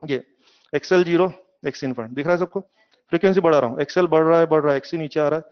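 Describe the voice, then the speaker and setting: Animated male teacher, quizzing his class. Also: fairly high pitch, racing, clear, resonant tone, lo-fi sound. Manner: lively, asks students questions, uses homely examples. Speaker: physics teacher. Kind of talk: classroom lecture.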